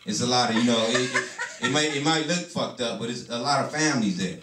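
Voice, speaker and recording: A fast-talking man in his thirties from Detroit, USA, speaks at a medium pitch as he tells a loose, profane stand-up story, repeatedly saying "you know what I'm saying." He's a stand-up comedian in a small comedy club, captured from a distance with roomy club acoustics and crowd noise.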